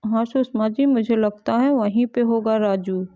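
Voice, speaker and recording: A woman's voice: on the high side, a little slow, mellow, highs cut off, voice pushed down. A woman voicing a polite, reassuring grown man in a doll story. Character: adult man, neighbor helping search for a lost boy.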